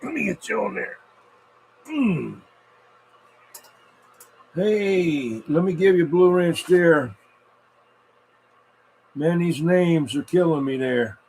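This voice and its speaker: A congested man hosts a casual livestream for a vintage radio show, greeting viewers and muttering to himself in a folksy, rambling way while coughing and clearing his throat often. His voice is a little high, expressive and darkish, and he takes it slowly with frequent pauses. The low-quality recording carries clear background noise and room ambience.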